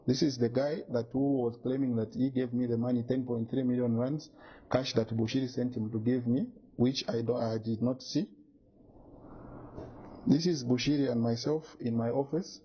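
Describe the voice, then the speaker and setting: A man's voice: mid-range voice, steady tone, moderate pace, slightly rough, lo-fi sound. A man giving an interview, insistent and indignant as he talks through his evidence. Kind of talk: press interview.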